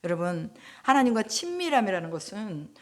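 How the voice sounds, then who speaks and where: A woman's voice: mid-range voice, big pitch swings, a little fast. A middle-aged woman missionary preaches in an easy, conversational way. She keeps asking her listeners questions and answers them herself. She often acts out prayers in the voices of the people she talks about. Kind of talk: sermon.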